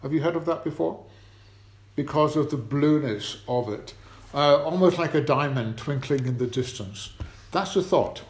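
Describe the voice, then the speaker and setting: A man's voice: on the high side, normal speed, roomy sound. A man leading a children's talk at a church service, chatty, asking the congregation questions. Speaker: preacher. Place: church hall.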